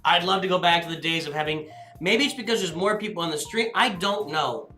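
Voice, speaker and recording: A man's voice: sits high, brisk, sharp tone. A man hosting a casual live stream as a guild leader, rambling and apologetic as he answers chat questions aloud. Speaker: livestream host and guild leader. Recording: echoey room with faint music.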